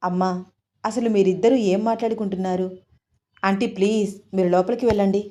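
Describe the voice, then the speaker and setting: A woman storyteller voicing a young husband who pleads and tries to calm everyone. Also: medium pitch, a little fast, close to an everyday voice. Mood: pleading. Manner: pleading, conciliatory.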